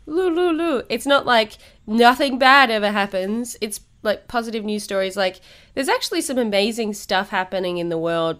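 A woman's voice: medium pitch, fairly bright tone, smooth. A woman chatting casually and playfully as a podcast host, often teasing. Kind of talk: casual chat.

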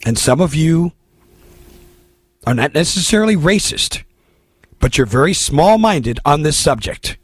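An American man holds forth as a talk radio host, blunt and emphatic. His pitch moves widely as he exhorts his listeners, with a slightly rough, husky edge. The sound is dry and close. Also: big pitch swings, unhurried, pauses often, no room sound. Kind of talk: opinionated talk radio monologue.

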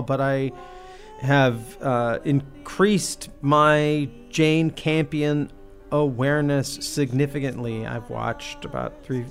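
A man co-hosting a film podcast, talking casually in a wry, drawn-out, sarcastic way. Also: on the high side. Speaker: podcast co-host.

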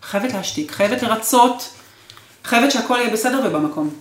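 A woman's voice: fairly high pitch, lively intonation. Woman telling her story, roomy sound. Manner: emotional, repetitive, intense storytelling. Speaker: guest. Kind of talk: personal interview, recounting her marriage. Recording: roomy echo.

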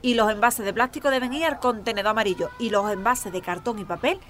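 Speaking fast and at a fairly high pitch, she has a slightly bright tone that stays close to an everyday voice, over a faint hiss or hum. Her role in the audio drama is a warm, talkative office-worker mum who adores football, delivered effusively in a folksy Andalusian accent.

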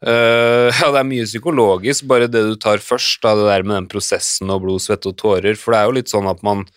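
A man in his thirties talks things through in casual conversation, pausing often as he reflects. His voice sits on the low side. The sound is dry and close, with no room around it. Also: fairly even intonation, no room sound. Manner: reflective, hesitant with frequent fillers. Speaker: podcast guest.

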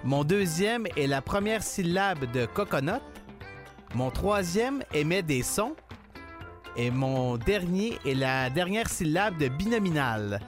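A man reading riddles as game master on a morning radio show, steady and playful. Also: fairly high pitch, slow pace, soft background music.

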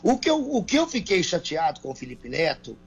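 A man's voice: a little high, huge pitch swings, brisk, vocal fry, husky, highs cut off, faint music behind. A man from Brazil, a country singer answering interview questions in a folksy, colloquial way over a remote call. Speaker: guest singer. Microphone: remote call, phone or earbuds.

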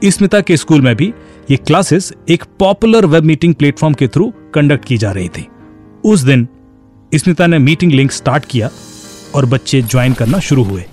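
A man tells a suspenseful story in a dramatic, fairly high and animated voice. Faint music runs underneath his narration. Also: moderate pace.

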